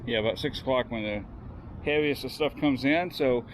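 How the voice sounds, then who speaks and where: A man's voice: medium pitch, moderate pace, a little hiss or hum. A man with a Southern American accent, narrating his work in a casual vlog from cold outdoor parking lots. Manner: chatty, explains as he works. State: out of breath. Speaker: vlogger spreading ice melt.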